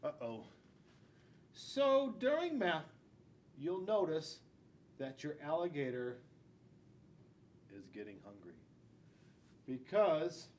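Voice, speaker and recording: In a school classroom, a forties-aged American man who serves as the school resource police officer gives a dramatic reading of a children's picture book, pausing to quiz the kids. A camera several feet away captures the audio, along with noticeable room noise and a low rumble.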